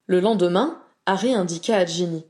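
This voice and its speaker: Woman narrator, reading fan fiction aloud, steady, mellow, warm tone. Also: lowish voice, normal speed.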